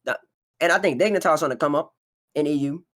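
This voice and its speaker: A confident, boastful man talking rapidly as a guest on a casual esports podcast. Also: fairly high pitch, fairly bright tone. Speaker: guest analyst.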